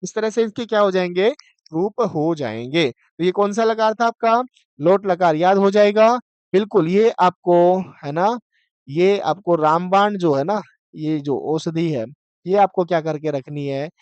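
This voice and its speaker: Male grammar teacher. His voice is high and clear, and his delivery is slow and deliberate. He does call-and-response drilling. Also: darkish tone, no room sound, dull audio. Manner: call-and-response drilling, chanting verb forms slowly. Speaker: Sanskrit teacher. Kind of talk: grammar lesson.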